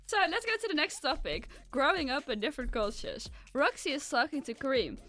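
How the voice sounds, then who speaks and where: Lively-voiced woman hosting a radio show. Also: high voice, fairly quick, faint music behind.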